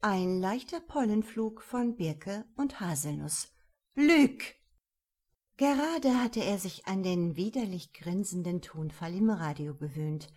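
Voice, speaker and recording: Woman audiobook narrator, calm and measured, unhurried scripted reading. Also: medium pitch.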